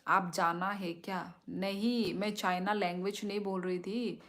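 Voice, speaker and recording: Slow-talking young woman live streaming. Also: medium pitch, steady tone, fairly bright tone. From Tripura, northeast India. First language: Kokborok. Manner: slow, unhurried talk, reads comments aloud and answers them. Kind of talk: casual live-stream chat reading viewer comments.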